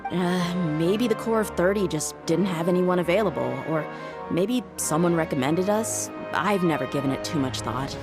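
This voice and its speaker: Frank, tough female mercenary for a game story , acted by a woman: lowish voice, firm and loyal, clear music behind. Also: normal speed, close to an everyday voice. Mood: puzzled, candid. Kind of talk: anime-style video game voice acting.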